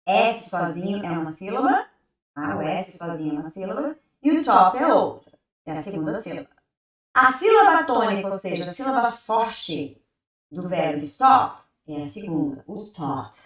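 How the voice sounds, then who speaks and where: A woman teaching an English grammar lesson who explains step by step, asks and answers her own questions, and reads the example sentences out slowly. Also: mid-range voice. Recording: very echoey room, heard from a distance.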